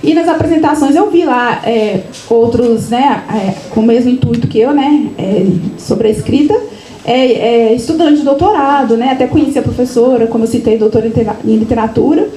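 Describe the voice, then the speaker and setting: A woman author talks casually to an audience, her voice high and mellow. She keeps adding little tag questions and starting sentences over. An echoey room with a faint hum of noise surrounds her. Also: fairly quick. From Minas Gerais, Brazil. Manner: chatty, frequent tag questions and restarts. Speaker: author at her book launch. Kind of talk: casual personal storytelling to an audience. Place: event room, live audience.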